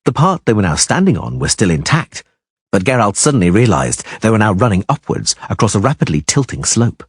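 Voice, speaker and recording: A man's voice: fairly low pitch, very animated, brisk, husky, no echo. A man reading a fantasy audiobook aloud in dramatic narration, leaning hard on action words. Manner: emphatic, swelling on action words.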